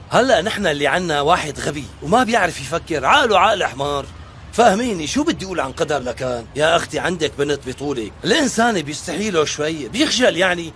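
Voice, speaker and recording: An indignant, lecturing brother. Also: male voice, fairly high pitch, a bit bright, a little hiss or hum. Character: indignant man complaining to his sister. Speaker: dubbing actor. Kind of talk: dubbed TV drama acting.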